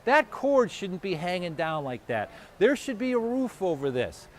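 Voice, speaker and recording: A man giving a live self-help talk at an expo, conversational and animated, acting out his own inner voice. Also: high-pitched, moderate pace, slight background noise. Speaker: motivational speaker. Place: expo hall or venue.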